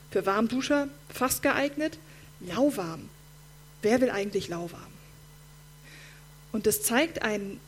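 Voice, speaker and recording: Woman preacher, sermon, direct and lively, fairly high voice, faint hum behind. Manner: lively, direct, addresses listeners as friends.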